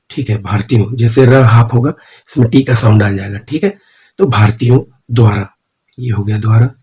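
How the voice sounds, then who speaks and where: A man teaching a stenography lesson, speaking slowly as he dictates and explains, often repeating single words. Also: mid-range voice, warm tone, breathy edge, lo-fi sound. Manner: slow, repeats words, says "ठीक है" often.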